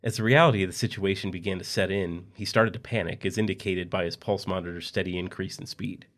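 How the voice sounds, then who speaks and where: Low-voiced man narrating a dark tale. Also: fairly even intonation, fast talker. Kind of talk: scripted dark story narration.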